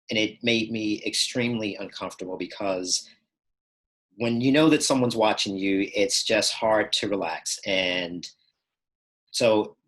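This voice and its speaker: A man from Texas giving a measured, reflective first-person account of his experiences, pausing and restarting now and then. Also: on the low side, fairly bright tone, low-quality recording. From Texas, United States. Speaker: storyteller recounting personal experiences.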